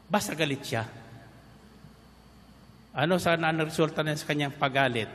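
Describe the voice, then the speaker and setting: Slow, reverberant male preacher. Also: on the high side, fairly bright tone. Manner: mixes Tagalog and English, calls for "Amen" responses. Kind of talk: sermon to a congregation. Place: large hall with congregation. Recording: reverberant hall, faint background noise.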